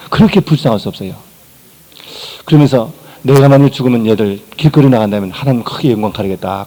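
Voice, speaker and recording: An older male pastor preaching a personal testimony, his voice mellow and dark. He acts out quoted lines from his story, dropping to quiet tones and then rising again. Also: mid-range voice, poor audio. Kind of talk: sermon testimony.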